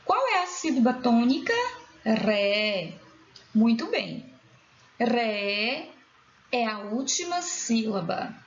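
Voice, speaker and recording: A woman teacher with a Brazilian Portuguese accent, giving a recorded school lesson for children in a slow, clear, drawn-out voice. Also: on the high side, very animated. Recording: dull lo-fi sound in an echoey room.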